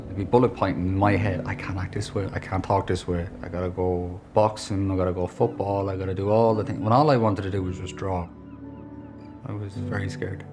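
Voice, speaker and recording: Low-voiced Irish man, reflective. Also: fairly even intonation, fairly quick, music in the background. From Ireland. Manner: reflective, candid storytelling. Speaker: documentary interviewee. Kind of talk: documentary interview.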